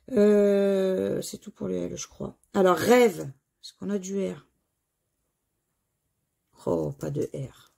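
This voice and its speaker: A woman from France talks her viewers through scratch cards in a slow, unhurried way, reading letters aloud one at a time. Her voice is gravelly and husky, with a dark, mellow tone. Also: mid-range voice. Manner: slow, spells letters aloud, sighs over losses. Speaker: scratch-card vlogger. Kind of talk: casual commentary while scratching tickets.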